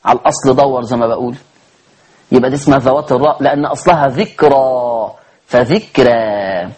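A man with an Egyptian accent teaching a tajweed lesson on Quran recitation. He asks his listeners rhetorical questions and chants the verses slowly. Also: medium pitch, fairly even intonation, a little mellow, breathy edge. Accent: Egyptian Arabic.

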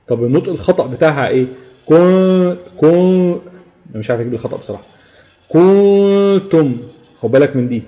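A man with an Egyptian Arabic accent teaching a live tajweed lesson, explaining rules step by step, checking in with his students and slowly chanting the examples. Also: on the high side, mellow. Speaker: Quran recitation teacher.

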